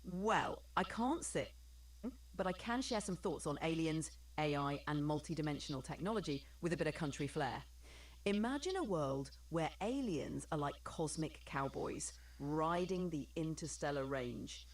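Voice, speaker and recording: A synthetic woman's voice, pitched low, speaks as an AI assistant. She stays upbeat and agreeable and tells stories smoothly, slipping in slang. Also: expressive, moderate pace, far from the mic.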